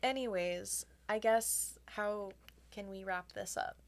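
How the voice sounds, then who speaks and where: A young woman with a mid-pitched voice tells animated stories as a podcast co-host. She laughs often and keeps the chat loose and casual. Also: takes it slowly, gravelly.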